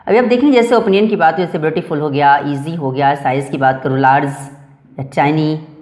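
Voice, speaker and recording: Male grammar teacher, methodical and repetitive, slows to read English examples word by word. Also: on the high side, a little mellow. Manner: reads English example sentences slowly word by word; drills through lists with repeated "after that". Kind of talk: grammar lesson explaining examples.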